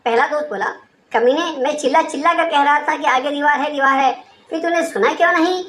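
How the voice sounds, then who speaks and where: A woman reading a string of short jokes aloud in plain, even storytelling, hardly changing her voice for the characters. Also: high voice, a little fast. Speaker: joke reader. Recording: roomy echo with faint room noise.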